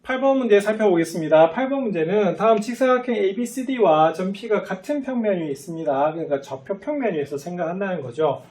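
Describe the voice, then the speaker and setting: A man teaching a high school math lesson who keeps asking and answering his own questions as he works through each step. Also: lively intonation, fast, hardly any pauses, darkish tone, distant mic. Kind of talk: recorded math lecture.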